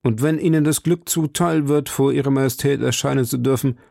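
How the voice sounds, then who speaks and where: A man's voice: medium pitch, steady tone, brisk, creaky, mellow, dry recording, clean studio sound. A man reading an audiobook, voicing a proud, agitated English duke who gives orders imperiously. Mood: commanding. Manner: commanding, imperious.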